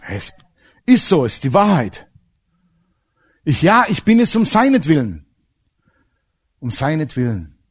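A man preaching a sermon, telling stories with feeling and dropping to hushed, choked-up moments. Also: on the high side. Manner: emotional, animated storytelling with sudden quiet, choked-up stretches.

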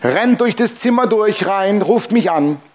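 A man preaching to his congregation as pastor, blunt and colloquial, acting out the voices in the stories he tells. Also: a little slow. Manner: animated storytelling, acting out dialogue with shifting pitch. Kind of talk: sermon.

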